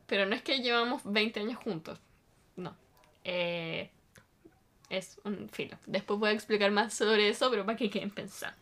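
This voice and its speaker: A young woman with a Chilean accent, chatting casually and telling an animated story, acting out quotes. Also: mid-range voice, normal speed. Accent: Chilean Spanish. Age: young adult. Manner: animated storytelling, repeats for emphasis, acts out quotes. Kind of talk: casual chat.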